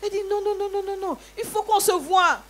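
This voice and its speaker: Woman playing a shrill, angry market landlady. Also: steady tone, quick pace, darkish tone. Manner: shrill, insistent, repeating herself.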